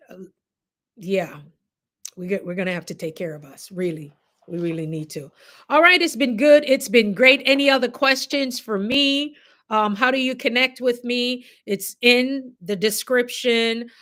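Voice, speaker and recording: A Jamaican woman, a coach hosting a casual livestream, addresses her viewers directly in a conversational, encouraging way. Her voice is mid-range with a fairly bright tone and a Jamaican accent.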